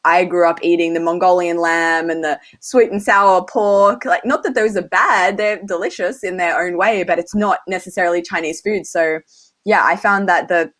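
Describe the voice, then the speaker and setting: A woman's voice: on the low side, fairly even intonation, moderate pace, fairly bright tone. A woman with an Australian accent hosting a casual livestream chat, talking with lots of "like" fillers. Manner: chatty, many "like" fillers. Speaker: host.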